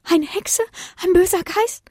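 A woman's voice: extremely high pitch, measured pace, a little mellow, no echo, clean studio sound, pitched above the performer's own voice. A woman voicing a frightened little girl in a storybook, trembling with fear. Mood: scared. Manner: scared, trembling.

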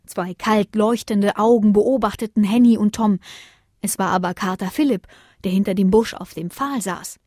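A woman narrating a children's bedtime story in a lively, expressive way. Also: mid-range voice, normal speed, no room sound, clean studio sound.

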